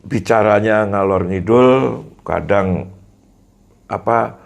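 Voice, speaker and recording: Male speaking coach, middle-aged, slow and deliberate, low gravelly voice. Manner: slow, deliberate, demonstrates rhythm and emphasis aloud. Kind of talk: instructional talk to an audience.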